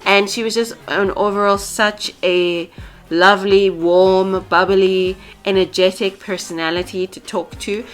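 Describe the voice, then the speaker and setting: A woman's voice: mid-range voice, steady tone, a little slow. A young woman hosting a podcast interview over a video call, chatty and laughing often. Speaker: podcast host.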